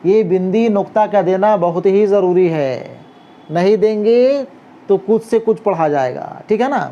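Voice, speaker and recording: A man teaching a handwriting lesson, talking slowly through each stroke as he writes and checking in with a rising "okay?" after every step. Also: sits high, expressive, dark tone. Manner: talks while writing, guiding each stroke. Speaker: Urdu teacher. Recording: dull lo-fi recording with faint noise.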